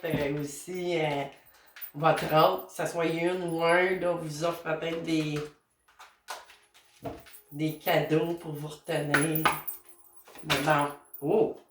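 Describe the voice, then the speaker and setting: Chatty Québécois woman reading cards. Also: sits low. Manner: chatty and meandering, many fillers and asides to her spirit guides. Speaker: tarot and oracle card reader. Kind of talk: casual spiritual card reading. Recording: roomy and a bit distant, faint noise.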